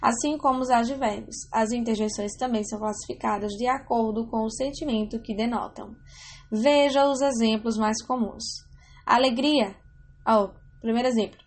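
A woman's voice: fairly high pitch, fairly even intonation, moderate pace. A woman teaching a Portuguese grammar lesson, explaining step by step and checking in with her students.

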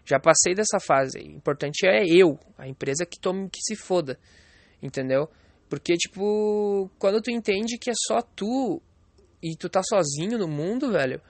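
High-voiced blunt man. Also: animated, moderate pace, dry recording. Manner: blunt, profane, rambling, fillers like "entendeu?". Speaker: vlogger. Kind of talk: casual monologue.

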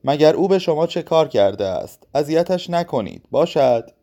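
A man's voice: fairly high pitch, expressive, warm tone, voice pushed up. A man voicing a nervous older male professor with a trembling, pleading way of speaking, in a storybook reading. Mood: anxious pleading.

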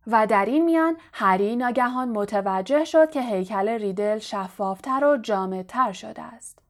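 A woman narrating an audiobook chapter in a calm, steady storytelling manner. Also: fairly high pitch.

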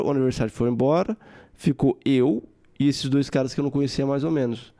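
A young man hosting a podcast, telling a personal story in a casual, animated way with some swearing. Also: a little high. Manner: animated, swearing, acts out his own quotes. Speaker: podcast host.

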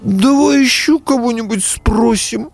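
A timid little storybook fawn pleads in a thin, high, shaky voice. The voice sits far above a grown man's speech and begs with every phrase. Faint music sits underneath. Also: takes it slowly, dry recording. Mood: pleading. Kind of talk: storybook reading.

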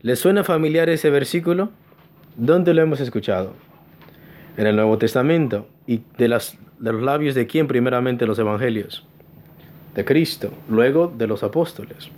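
A man's voice: mid-range voice, darkish tone. A man preaching a teaching sermon in church, often asking the congregation questions, answering them himself, and telling them to pay attention. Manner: stresses key words by slowing down. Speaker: pastor.

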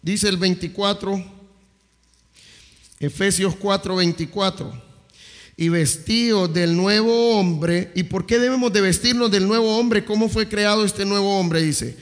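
High-voiced preacher. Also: male voice, unhurried. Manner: asks the congregation questions. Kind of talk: sermon. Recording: long hall reverb.

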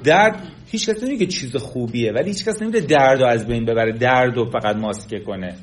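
A man giving a lecture, talking directly to the audience and acting out the things people say. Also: medium pitch. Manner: animated, acts out quoted speech.

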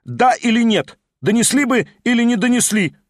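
Guy reading high pushy schemer, keeps pressing, yelling questions, all over the place. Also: lively intonation, brisk, no room sound, studio quality. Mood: insistent. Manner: insistent, pressing, shouting questions. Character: pushy agitated male schemer interrogating a meeting.

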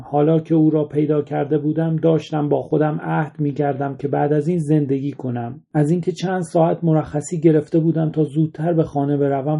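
A man's voice: on the high side, creaky, dark tone. A man reading a somber first-person short story aloud as its narrator.

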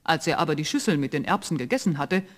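A man narrating a fairy tale from a script. His voice is high for a man. He tells the story in an even, steady way. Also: quick pace.

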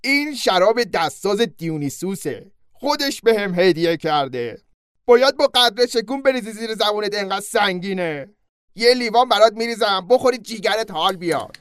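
A man's voice: high-pitched, lively intonation, fairly bright tone, clean tone, dry recording. A man voicing a friendly male centaur, an old buddy who talks in a chummy, slangy way. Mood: boastful. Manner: chummy, slangy, boastful host.

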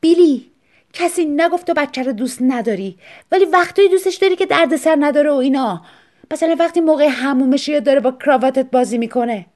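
A woman voicing an upset young wife who speaks in a sharp, sarcastic, raised voice in a story reading. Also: sits high, voice pushed up, natural voice. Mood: pleading.

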